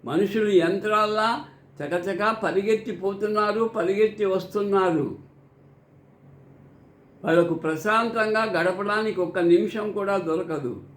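An older man gives a devotional scripture recitation with commentary, his voice a little high for a man. He speaks very slowly and earnestly, like a preacher. The room around him is noticeably echoey. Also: a bit bright. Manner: slow, earnest, preacherly delivery. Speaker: scripture reader and teacher.

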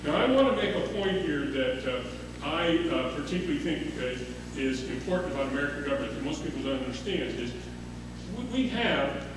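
A middle-aged man speaks at a podium in a big conference hall, halting and full of "uh" as he gathers his thoughts. The sound bounces hard around the room and he seems some way off the mic. A steady hum sits under everything. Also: a little high. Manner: hesitant, many "uh" fillers and restarts. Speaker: conference panelist. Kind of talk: unscripted remarks at a podium. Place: large wood-paneled conference hall. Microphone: podium microphone. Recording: echoey hall audio from a distant mic, with hum.

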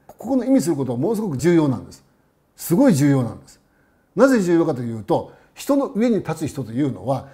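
A man giving an animated storytelling lecture, acting out the quotes and asking rhetorical questions. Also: on the high side.

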